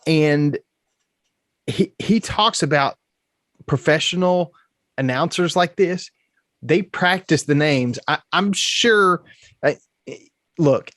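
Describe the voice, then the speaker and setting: Dude co-hosting a football podcast, bit high voice, super dry sound. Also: male voice, fairly bright tone, no room sound. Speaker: podcast co-host. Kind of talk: casual sports podcast chat.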